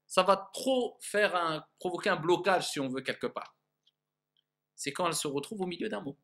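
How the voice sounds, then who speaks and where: A man teaching a recitation lesson, his voice fairly high and bright, with a clear, forward ring. He explains patiently, sounds out each example himself and keeps checking that his class follows. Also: normal speed. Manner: patient, checks understanding often, demonstrates sounds aloud.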